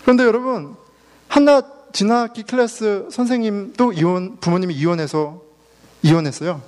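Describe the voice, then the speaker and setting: High-voiced fervent Korean pastor. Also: male voice, normal speed, darkish tone. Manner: fervent, rising to emphatic peaks, mixing in English words. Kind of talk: sermon.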